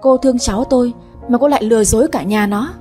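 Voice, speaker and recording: A woman's voice: fairly high pitch, quick pace, dark tone, faint music behind, lightly acted. A woman reading as a stern old grandmother. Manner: stern, scolding.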